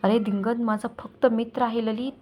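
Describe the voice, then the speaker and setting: A woman's voice: fairly high pitch, steady tone, moderate pace, warm tone. Woman telling an emotional story. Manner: emotional first-person storytelling. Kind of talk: scripted story narration.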